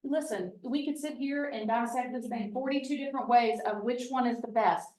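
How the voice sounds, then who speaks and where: A woman with a fairly high voice leads a training session in a meeting room. She talks in a folksy, emphatic way and keeps slipping in chatty asides. She stands back from the mic, and the room rings around her words. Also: brisk, darkish tone, recorded from a distance, a little hiss or hum. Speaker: real estate trainer. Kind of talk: lively training talk to a room. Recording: roomy, from off the mic.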